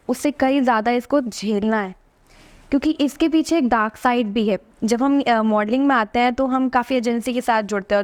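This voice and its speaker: Young woman in her twenties, bit high voice, confident chatty podcast guest, throws english words in. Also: a little mellow. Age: 20s. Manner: chatty, confident, mixes English into her talk, laughs often. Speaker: guest, model and influencer. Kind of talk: casual interview chat.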